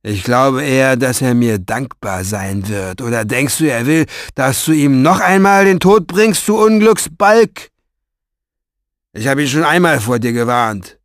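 This storybook reading has a man voicing a male villain who schemes and gloats in his vanity, using a velvety, animated mid-range voice. His delivery is mocking, drawn-out, theatrical and lightly acted, and the studio sound is clean with no room tone.

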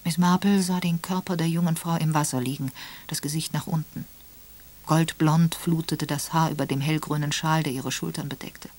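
A woman reading a crime novel aloud in calm scripted narration. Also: low-pitched, normal speed. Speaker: audiobook reader.

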